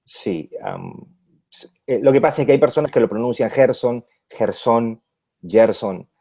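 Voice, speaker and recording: Hesitant pastor, dark voice. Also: male voice, medium pitch, wildly swooping pitch, a little fast, creaky, husky. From Peru. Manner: hesitant, many fillers and restarts. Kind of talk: radio interview conversation.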